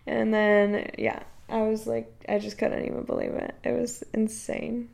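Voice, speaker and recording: A woman in her twenties, co-hosting a casual podcast chat in a lively way and laughing easily. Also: on the high side, a little slow, gravelly. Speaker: podcast co-host.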